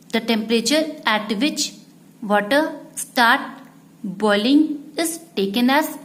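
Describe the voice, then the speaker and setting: Female teacher, high voice, slow deliberate classroom delivery, repeats points for students.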